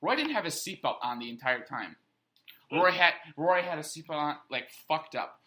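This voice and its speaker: Young guy on a podcast, bright voice, animated storytelling, swears a lot. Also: on the high side, moderate pace. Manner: animated storyteller, acts out quotes, swears casually. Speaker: podcast co-host. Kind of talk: casual chat, storytelling.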